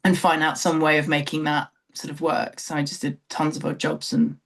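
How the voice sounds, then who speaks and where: A London theatre director in her thirties with a southern English accent reflects on her experiences as an interview guest, self-deprecating and thinking aloud. Her deep, gravelly voice shows little pitch movement, and she speaks at a moderate pace.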